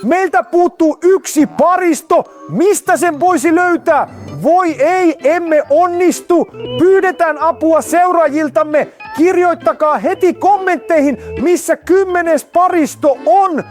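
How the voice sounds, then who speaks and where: A man hosting a dubbed kids' challenge video, talking eagerly and leading the group. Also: very high voice. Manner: excited, eager, leads the group. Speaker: host.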